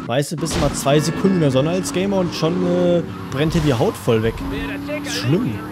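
A man's voice: on the high side, brisk. A young man with a German accent giving casual, crude, joking let's-play commentary to his viewers. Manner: joking, crude, talks to viewers, sings along.

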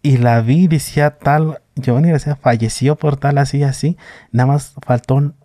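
Mexican man telling a story, dark voice. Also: medium pitch, moderate pace, no room sound, clean studio sound. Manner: animated retelling with slang and voices for others. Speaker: guest. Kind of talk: casual storytelling.

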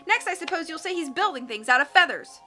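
A woman's voice: very high voice, lively intonation, quick pace, pushed and bright, soft background music, pitched above the performer's own voice, heavily acted. A woman voicing a bossy, scornful female police officer who speaks dismissively in a storybook reading.

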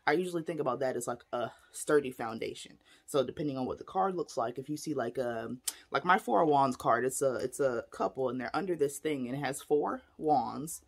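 A woman's voice: extremely low pitch, creaky, husky. A woman casually explaining divination tools to camera in a chatty, rambling way, showing objects as she talks. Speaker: spiritual teacher. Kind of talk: casual teaching vlog.

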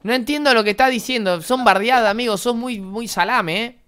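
A man's voice: a little fast, sharp tone, clear, resonant tone. A man in his twenties with an Argentine accent, teasing and mocking other players in casual voice chat while gaming. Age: 20s. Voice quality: high-pitched voice. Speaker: gaming streamer.

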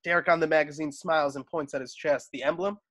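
Speaking fast in a slightly high, steady, fairly bright voice, a man narrates screenplay stage directions with expression. He's at home joining a table read on a video call, heard through its microphone.

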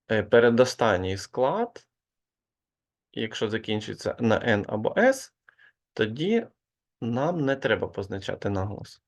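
Slow, gravelly male language teacher. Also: on the low side. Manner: slow, patient explaining with hesitant fillers. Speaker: Spanish teacher. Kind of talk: online grammar lesson.

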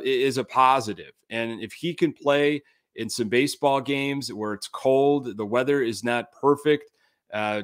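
Man in his thirties talking baseball. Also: mid-range voice. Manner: conversational, many fillers, frank and critical. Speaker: sports podcast host. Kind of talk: casual sports commentary. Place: home studio room. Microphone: large desk mic on camera.

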